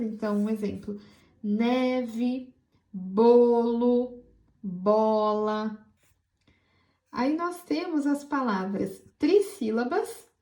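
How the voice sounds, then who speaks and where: A Brazilian woman teaching children in a patient, affectionate way, slowing down to sound out words. Her voice sits high and bright. The room around her rings with echo. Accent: Brazilian Portuguese. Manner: patient, explains slowly, spells out words; affectionate toward pupils. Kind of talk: school lesson for children.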